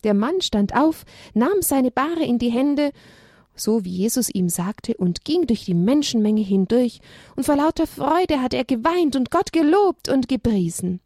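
A woman reads a children's story aloud with a gentle, expressive delivery. Her voice sits a little high. The recording is dry and close, with no room sound. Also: a little slow, no echo.

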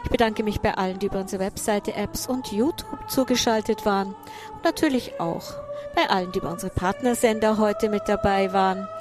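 A woman's voice: medium pitch, brisk. A woman hosting a live broadcast, giving commentary and signing off to listeners. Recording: music behind the voice. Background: music.

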